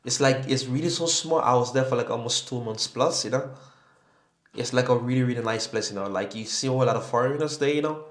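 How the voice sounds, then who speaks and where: A young man from Sierra Leone talks quickly through a casual video reaction, filling every pause with "like" and "you know". His mid-pitched voice bounces around an echoey room. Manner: rambling, heavy on "like" and "you know". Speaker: YouTube reactor.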